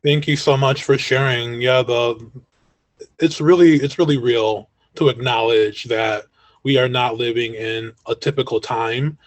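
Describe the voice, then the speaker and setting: A man's voice: medium pitch, steady tone, a little slow, dry recording. Reflective man moderating a panel. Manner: reflective, affirming. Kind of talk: panel discussion.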